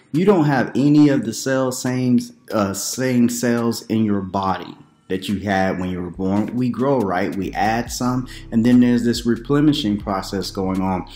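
A man in his thirties, a preacher, giving casual commentary to camera from a room at home, conversational with questioning, animated asides. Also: mid-range voice, measured pace, roomy sound.

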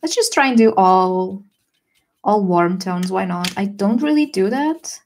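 A young woman livestreaming a watercolor session, chatting casually and relaxed with fillers and small laughs. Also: medium pitch, measured pace. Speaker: watercolor artist streamer. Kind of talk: casual livestream chat while painting.

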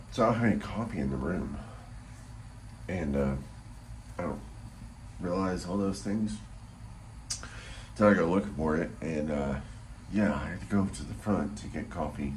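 Deep voiced guy rambling into his phone, blunt room review, swears a bit, noisy audio. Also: unhurried, pauses often, darkish tone. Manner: blunt, rambling, mildly profane. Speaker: travel vlogger. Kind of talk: casual vlog chat, reviewing a motel room. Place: hotel rooms and hallways, indoors. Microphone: phone at arm's length. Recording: noisy handheld phone recording.

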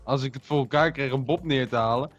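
A man's voice: mid-range voice, fast, lo-fi sound, soft background music. A young man joining a gaming session, laughing often and yelping when things go wrong. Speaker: guest player. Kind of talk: casual gaming chat.

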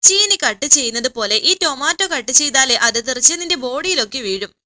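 A woman's voice: high-pitched, expressive, a little fast, sharp tone, full character voice. Lecturing bossy aunt, read by a woman narrator. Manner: lecturing, scolding. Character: bossy middle-aged aunt.

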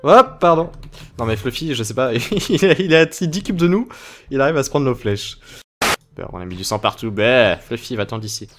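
A young man hosts a gaming video in a joking, animated way. His mid-pitched voice swings widely in pitch, and he often jumps into high, panicked yelps. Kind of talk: Minecraft let's play commentary.

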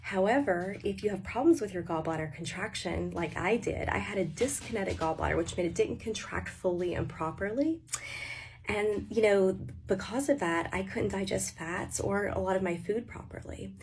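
A woman's voice: medium pitch, normal speed, darkish tone, slight background noise. A woman in her thirties telling a personal health story in a casual, earnest, explanatory way to her followers, recorded on a phone in a small wooden sauna. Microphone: phone at arm's length.

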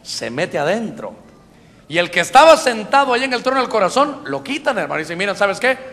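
High, lively Honduran preacher. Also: male voice, brisk, creaky. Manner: emphatic, constantly addresses the congregation as brother. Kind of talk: sermon. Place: church. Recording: reverberant church hall.

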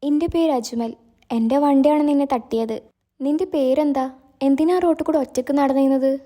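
A man's voice: extremely high pitch, normal speed, warm tone. A woman voicing an anxious, kind young man. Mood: earnest. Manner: apologetic, earnest pleading.

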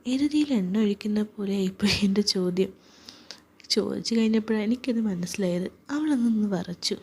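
A woman telling a first-person story in a hushed, whispered voice. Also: medium pitch, a little fast, breathy edge.

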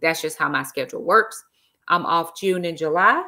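Seated in an armchair in a small room, this author and middle-aged live-stream host chats casually into her laptop webcam, sprinkling in "y'all" and praise interjections. She sounds low and sharp, with lively intonation and a moderate pace.

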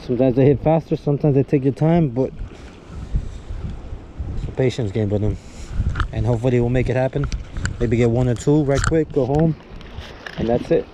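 A man's voice: medium pitch, moderate pace, long pauses, low-quality recording. A man casually explaining fishing steps to viewers from an outdoor pier, recorded on a chest-mounted action camera. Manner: excitable, talks viewers through each step. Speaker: fishing vlogger. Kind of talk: casual how-to commentary. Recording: wind noise on an action camera.

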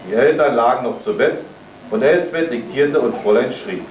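A man reading a Christmas story aloud at a Christmas party, in measured, lively storytelling. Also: mid-range voice, dull audio, a little hiss or hum. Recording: roomy sound from far off.

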